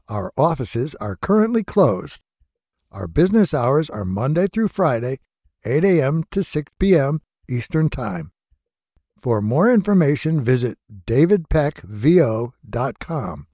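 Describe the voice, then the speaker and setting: A man voicing scripted, polite phone system prompts in a measured, even way. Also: mid-range voice, dry recording, studio quality. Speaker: phone menu voice-over artist.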